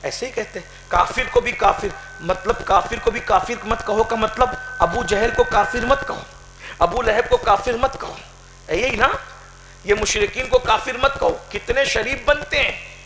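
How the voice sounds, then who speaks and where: Man, high voice, piercing bright tone, shouting and then hushed sermon. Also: slight background noise. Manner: swings from shouted climaxes to quiet questioning. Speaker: preacher. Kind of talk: impassioned religious sermon. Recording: echoey hall with crowd.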